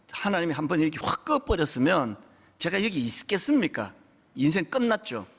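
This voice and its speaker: Middle-aged male pastor, animated and emotional sermon storytelling, wide swooping pitch, echoing church hall. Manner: animated, emotional storytelling with sudden rises and drops. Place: church sanctuary.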